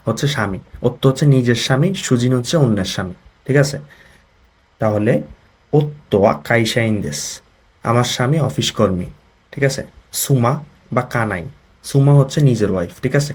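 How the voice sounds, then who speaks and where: A man's voice: mid-range voice, a little mellow, breathy edge. A man with a Bangladeshi accent teaching a Japanese vocabulary lesson. He explains each word, reads an example sentence and translates it, often checking that the learners follow.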